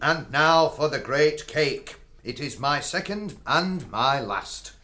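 A man's voice: on the high side, expressive, slow pace, bright, forceful tone, heavily acted. An actor playing a cheerful male master cook announcing a feast.

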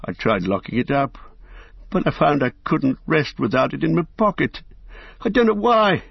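A man performs a full character voice of a fussy, excitable old hobbit, fluttering high and swooping around over a husky, gravelly undertone, speaking in eager, breathless bursts at a moderate pace with an uneasy mood. The storybook recording is dry and slightly dull, with no room sound.

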